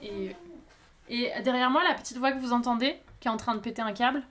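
A woman with a high voice chats to her viewers as she works at her pottery. She talks in a lively, excitable way and apologizes often. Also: slight background noise. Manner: chatty, excitable, quick to apologize. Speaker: potter streaming live. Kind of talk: casual live-stream chat.

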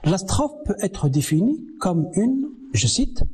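A man giving a televised university lecture on French verse, slow and deliberate, counting syllables aloud. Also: high voice, big pitch swings, noisy background. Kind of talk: televised distance-learning lecture.

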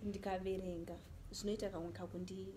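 A woman, a guest in a casual interview, who answers briefly and softly and mixes in Shona. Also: medium pitch, level tone, brisk.

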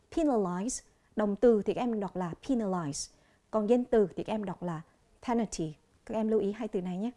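Vietnamese woman, TV English teacher, warm mellow voice, slow clear drilling of each word. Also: mid-range voice. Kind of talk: televised classroom lesson.

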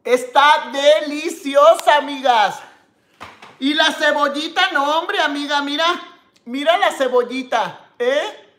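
In an echoey room, a Mexican woman with a high-pitched voice speaks slowly while running her live cooking show. Sampling what she's made, she hums with satisfaction and calls out to viewers by name.

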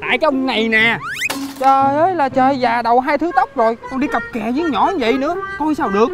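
A man's voice: very high-pitched, quick pace. A man playing an outspoken nephew who dramatically scolds his uncle. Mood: exasperated. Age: 30s. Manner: dramatic, exclaiming, mock-shocked. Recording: music bed behind.

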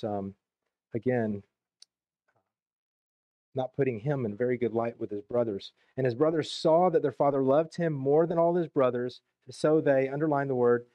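A pastor with a Southern US accent preaching a sermon in church, reading scripture aloud and adding conversational asides. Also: male voice, medium pitch, no room sound, dull audio. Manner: conversational, reads verses then adds plain asides. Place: church sanctuary.

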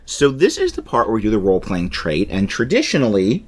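A man co-hosting a podcast, talking casually and explaining at length. His voice sits fairly low, but it moves a lot up and down. He is chatty and often restarts his sentences mid-thought. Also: wildly swooping pitch, brisk. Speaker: podcast co-host. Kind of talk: casual chat.

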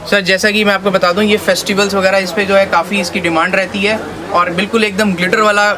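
A man's voice: high voice, little pitch movement, fast, crowd noise. A man in his thirties giving an eager, insistent sales demonstration in a shop, repeating his selling points. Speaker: wholesale jeans seller. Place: small stock-filled jeans shop, indoors.

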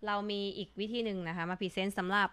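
A woman co-hosting a casual live-stream talk. She speaks softly with polite particles and reads viewer comments aloud. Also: medium pitch, steady tone, fast, smooth, no echo. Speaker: co-host of an Enneagram talk stream.

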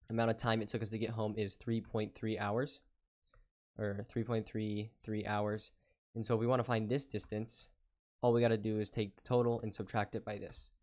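A tutor with a lowish, darkish voice walks through a math problem in a whiteboard lesson. He explains each step patiently, pausing with small fillers and slowing down whenever he reads out numbers.

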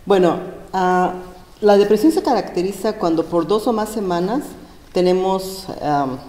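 A woman from Mexico, a panel guest explaining depression, hesitant with many pauses. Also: on the low side, warm tone. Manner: hesitant, many fillers and restarts. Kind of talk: explaining a health topic. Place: large school gym. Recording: roomy echo, long gym reverb.

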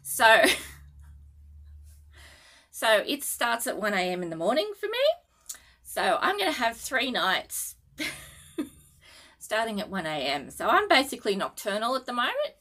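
Speaking a little slowly with frequent pauses, this woman's voice runs on the high side, with big pitch swings and a fairly bright tone. She's a middle-aged Australian needlework designer and vlogger, talking casually to camera in her living room. Tired from lack of sleep and a bit nervous, she giggles and keeps using fillers and starting over.

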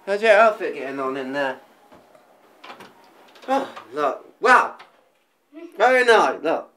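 A man's voice: a little high, very animated, slow pace, sharp tone. Playful young man, swooping voice. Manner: playful, joking. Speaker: cast member. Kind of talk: casual chat.

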